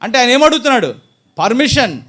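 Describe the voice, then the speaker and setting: A pastor delivers a sermon to his congregation in a strikingly high voice. He leads it with questions he answers himself. He acts out small scenes with a listener to make his point. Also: sing-song, quick pace, pushed and bright. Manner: fires rhetorical questions at the congregation and answers them. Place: church service.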